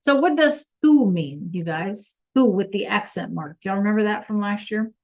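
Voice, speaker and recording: A woman's voice: medium pitch, expressive, normal speed, a little mellow. A woman teaching a Spanish lesson online, patiently checking in with her students and praising answers from the chat.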